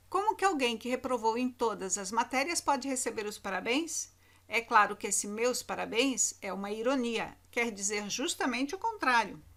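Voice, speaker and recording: Brazilian woman, teacher, video lesson for kids, fairly high voice, didactic, emphatic repetition. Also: fairly bright tone. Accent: Brazilian Portuguese. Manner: didactic, repeats key words with emphatic intonation. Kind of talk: recorded video lesson for children.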